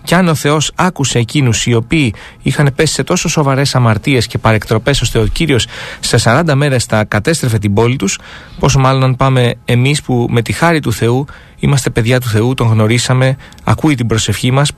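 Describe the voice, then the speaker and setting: A man joins a radio Bible discussion and speaks earnestly, reading verses aloud with an occasional filler. His voice sits at a plain middle pitch.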